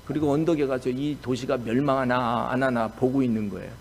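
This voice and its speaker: A man preaching a sermon as the pastor, telling the story in an animated way. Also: mid-range voice, fairly quick, slight background noise.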